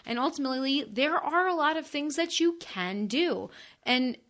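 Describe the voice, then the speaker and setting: A woman's voice: sits high, lively intonation, normal speed, a bit bright. Casual woman co-host, earnest and encouraging, chatty with lots of fillers. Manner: earnest, encouraging, frequent "like" and "yeah". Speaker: podcast co-host. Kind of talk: casual chat.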